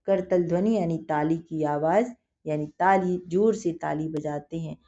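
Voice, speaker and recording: A woman teaching a Sanskrit school lesson, reading each line and then explaining it in Hindi. She speaks unhurriedly and patiently, with a slightly low voice, and keeps turning to address the children. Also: unhurried, dark tone, highs cut off.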